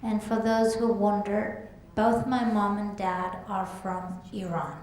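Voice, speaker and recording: A woman from Israel introducing herself slowly on a panel. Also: mid-range voice, level tone, a little mellow, slight background noise. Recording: distant echoey hall.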